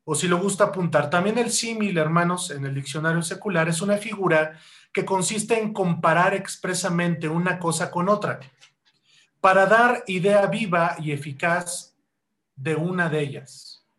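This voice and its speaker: A man preaching a sermon, asking rhetorical questions and addressing the congregation as brothers, with loud rising bursts and slow deliberate stretches. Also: high voice. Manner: rhetorical questions, keeps calling hearers "hermanos". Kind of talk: sermon teaching.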